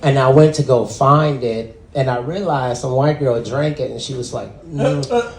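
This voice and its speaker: A man's voice: normal speed, roomy sound. A young man doing stand-up, telling a story and acting out the people in it with sudden jumps in his voice. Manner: animated, acts out quotes with big pitch jumps. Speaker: stand-up comedian.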